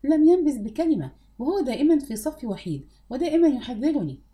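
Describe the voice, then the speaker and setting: A woman's voice: sits high, sing-song, fast, warm tone, pitched above the performer's own voice. A woman reading the part of a cold, defiant young man in an audiobook, speaking curtly. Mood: earnest. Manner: cold, curt.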